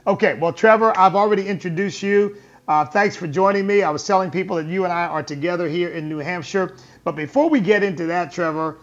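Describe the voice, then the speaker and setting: A man with a fairly high-pitched voice hosts a political talk show, calling his listeners "folks" and speaking emphatically and repetitively. He is a radio talk show host broadcasting from a hotel or venue on tour, and the recording has its highs cut off.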